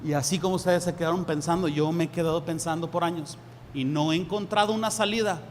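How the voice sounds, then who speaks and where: A man preaching a sermon as a pastor, acting out lively dialogues in a raised voice. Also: on the high side, quick pace. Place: church hall. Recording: reverberant hall, faint room noise.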